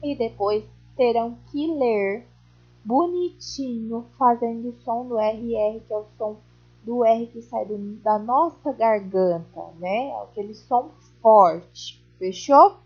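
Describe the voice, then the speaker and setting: A woman teacher explains a worksheet to first graders at a patient, step-by-step pace and keeps checking that they follow. Her voice sits fairly high with a husky edge. The recording sounds dull and lo-fi. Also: takes it slowly. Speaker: primary school teacher. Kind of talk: recorded remote class.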